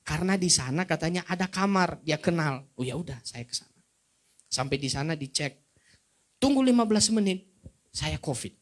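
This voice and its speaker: A man preaching a sermon as a pastor, telling a personal testimony to his congregation with wry humor and direct address to the listeners. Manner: lively storytelling that moves between hushed low passages and raised, high emphatic ones.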